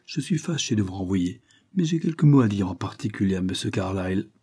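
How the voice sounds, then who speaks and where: A man voicing a stern, blunt older earl who questions pointedly, in a husky voice. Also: lowish voice, lively intonation, fairly quick, a little mellow. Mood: stern, probing. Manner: pointed, questioning, rising emphasis.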